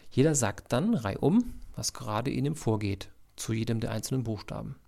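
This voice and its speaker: A man working as a learning coach, calmly addressing students directly in a scripted podcast lesson. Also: mid-range voice, moderate pace, creaky. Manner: calm, direct second-person address.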